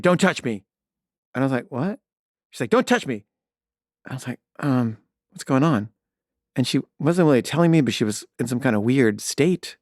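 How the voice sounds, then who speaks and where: A man's voice: mid-range voice, darkish tone, dry recording, studio quality. Rambling man telling a candid story. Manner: rambling and candid, heavy on "like" and "you know". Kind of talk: casual personal storytelling.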